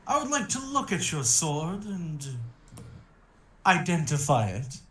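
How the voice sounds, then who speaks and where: A man playing a polite, scholarly dog spellcaster in a tabletop role-play, formal and measured. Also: on the high side, sing-song, a bit bright, full character voice. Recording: roomy echo.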